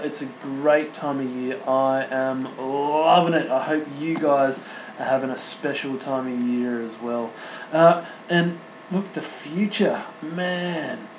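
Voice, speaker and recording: An Australian man in his thirties hosting an unscripted solo podcast, chatty and sentimental, talking in halting bursts full of restarts and fillers. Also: fairly high pitch, a little mellow, echoey room, a little hiss or hum, poor audio. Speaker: podcast host. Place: home studio.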